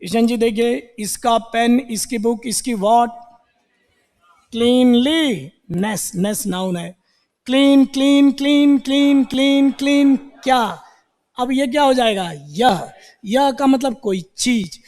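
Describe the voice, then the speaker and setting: A man's voice: very high-pitched, slow pace, a little mellow, long reverb tail. A male teacher giving a classroom grammar lesson. He repeats words in drills and asks and answers his own questions. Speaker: English teacher.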